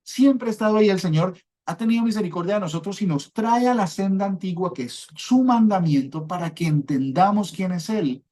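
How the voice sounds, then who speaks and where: A man's voice: high-pitched, a little fast, hardly any pauses, dark tone. Male preacher, fervent sermon delivery, keeps asking the congregation if they follow. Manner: fervent, rhetorical check-ins with listeners.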